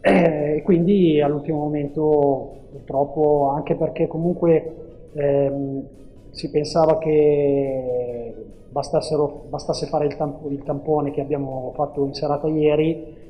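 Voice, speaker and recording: A man, an assistant football coach, answering an interview hesitantly with many fillers, heard through a low-quality stream recorded on a mobile phone. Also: fairly even intonation, slow pace. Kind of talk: post-match interview answer. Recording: tinny phone recording, faint music.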